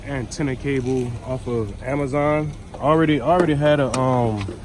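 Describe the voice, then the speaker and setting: Working in or around a vehicle, an American man talks through a DIY car install for his vlog, using loose, slangy, casual speech. He has a medium-pitched voice and speaks at a normal speed, with vehicle ambience and background noise clearly present.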